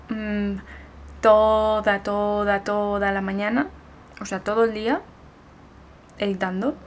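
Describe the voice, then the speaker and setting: A woman in her twenties from Spain with an Alicante accent, chatting excitedly in a casual daily vlog, bubbly and prone to squeals and giggles. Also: mid-range voice, slight background noise. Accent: Spanish from Alicante. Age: 20s. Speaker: vlogger.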